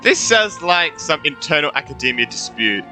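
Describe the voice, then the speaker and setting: A man casually commenting on a game stream, chatty and quick to laugh. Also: a little high, very animated. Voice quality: chatty, giggly reactions. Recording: stream audio with game music.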